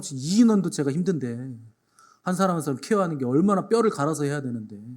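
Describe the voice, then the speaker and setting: A man's voice: on the high side, darkish tone. A man preaching a Sunday sermon to his congregation in a church. He repeats key phrases for emphasis and tells jokes. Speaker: pastor.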